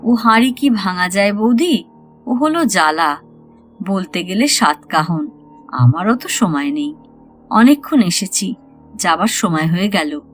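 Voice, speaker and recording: A woman voicing the ghost of a spirited young village woman who scolds and teases with quick retorts. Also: mid-range voice, expressive, soft background music, close to an everyday voice. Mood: teasing.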